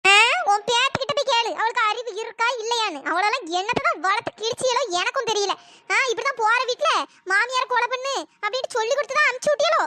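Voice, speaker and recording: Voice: very high-pitched, quick pace, noisy background. A performer voicing a scornful, bossy middle-aged mother-in-law in a cartoon story. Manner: sneering, bossy.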